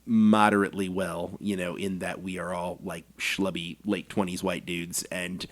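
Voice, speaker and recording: A man's voice: sits low, moderate pace. A man in his forties, a podcast co-host, telling a long anecdote in casual chat. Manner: animated anecdote telling with acted quotes and laughs.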